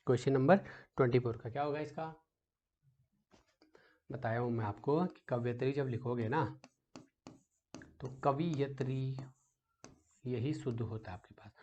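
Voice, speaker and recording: Running an exam-prep lesson, a male teacher with a mid-range, darkish voice quizzes his students, calls them "बेटा", and keeps checking in with rhetorical questions and repeated "ठीक है". He explains patiently, and the recording has its highs cut off.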